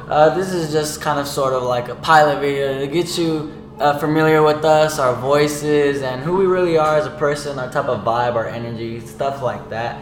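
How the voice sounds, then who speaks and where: A man's voice: on the high side, a bit bright. A seventeen-year-old young man co-hosting a student podcast, explaining things in a casual, slangy way. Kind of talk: casual chat. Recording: echoey room with faint noise.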